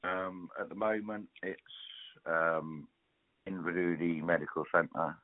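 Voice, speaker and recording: Guy in his 50s, really low voice, gummy no-teeth speech, tinny phone line. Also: steady tone, no echo. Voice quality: toothless, gummy, soft-edged articulation. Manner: halting, spells things out. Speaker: client on a phone call. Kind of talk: casual phone conversation. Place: telephone call.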